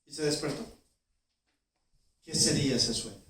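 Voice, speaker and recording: A male pastor telling a story in a sermon, with vivid storytelling that swings between loud and hushed. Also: mid-range voice, moderate pace. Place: church sanctuary. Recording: echoey church from far off.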